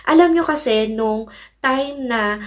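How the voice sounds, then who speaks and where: A woman talks to her viewers in a chatty, friendly way, handing out pregnancy advice. Her voice sits a little on the high side. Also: takes it slowly. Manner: chatty, addresses viewers as mommies, mixes English in. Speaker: parenting vlogger. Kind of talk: casual advice vlog.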